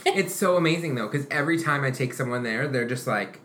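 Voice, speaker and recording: A woman's voice: very deep voice, lively intonation, a little fast, fairly bright tone, slight background noise. A young woman chatting casually with a friend in a gushing valley girl manner, full of slangy hyperbole and "like". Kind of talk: casual chat between friends.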